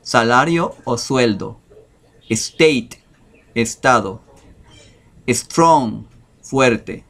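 A man teaching English vocabulary over a screen share, talking in a slow, hesitant way with many fillers. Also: medium pitch, lively intonation, creaky, fairly bright tone.

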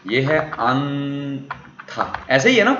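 A man with a mid-range, very animated voice, pushed and bright with drawn-out words, teaches a language class, explaining words and repeatedly quizzing students. The classroom lecture is recorded dull and roomy, with a little hiss or hum.

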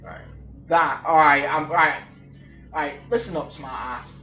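A man's voice: on the high side, slow pace, pushed and bright, soft background music. A man commentating his game play, jumpy and swearing, exclaiming at every scare. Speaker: let's play gamer. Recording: echoey, slightly dull, faint noise.

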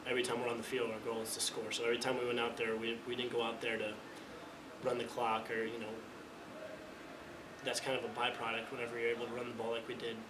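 A young college quarterback, medium-pitched and completely flat, rattles off answers to postgame press questions, repeatedly restarting and repeating words. His table mic in the indoor press room picks him up from a distance, amid echo and background noise.

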